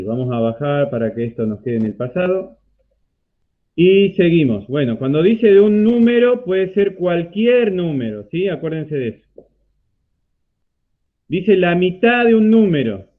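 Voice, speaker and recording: Argentine man teaching math over a tinny call. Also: on the high side. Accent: Argentine Spanish. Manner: checks in often with rising "¿sí?". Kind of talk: online class explanation. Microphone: computer mic on a video call. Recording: tinny phone-like video call audio.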